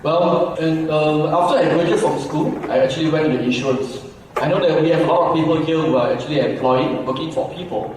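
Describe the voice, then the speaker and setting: A man in his forties from Malaysia gives a talk in a big hall, with a slightly high voice. He keeps asking the crowd "right?". The sound is distant and echoey with a long reverb tail. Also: a little hiss or hum. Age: 40s. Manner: conversational, asks the audience questions and keeps adding "right?". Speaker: business speaker. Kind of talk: motivational seminar talk.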